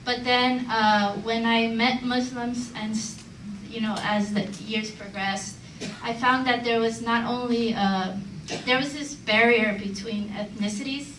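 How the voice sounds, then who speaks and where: A woman's voice: fairly high pitch, fairly even intonation, unhurried. A woman in her thirties from Los Angeles, speaking up at a community meeting, earnest and reflective, with many hesitant fillers. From Los Angeles, United States. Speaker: audience member at a community meeting. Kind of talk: personal testimony in open discussion. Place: large meeting room indoors. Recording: roomy hall, distant mic, faint hiss.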